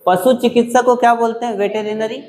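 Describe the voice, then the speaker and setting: A male teacher, taking students through spelling in an exam-prep English class, repeating words slowly syllable by syllable. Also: very high voice, fairly even intonation, a little mellow, a little hiss or hum.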